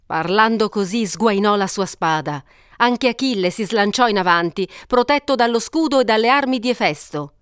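A woman narrates an ancient epic in a steady, measured way. Her voice is smooth and resonant. The recording is dry and close. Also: medium pitch, no room sound.

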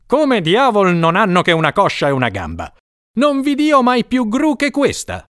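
A man's voice: high voice, very animated, moderate pace, a bit bright, dry recording, clean studio sound, voice pushed up. A man playing a stern, indignant nobleman. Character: angry, proud nobleman, a man of middle age.

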